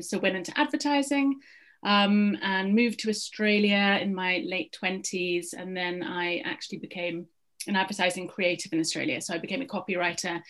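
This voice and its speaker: A woman's voice: mid-range voice, fairly bright tone. A woman in her thirties from Zimbabwe, a novelist talking about her path in a breezy, chatty way. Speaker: guest novelist. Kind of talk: casual conversation.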